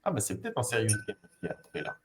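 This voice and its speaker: A man's voice: mid-range voice, wildly swooping pitch, racing, background noise. A man, a language teacher, casually presenting learning games on a video call, explaining step by step with many fillers and hesitations.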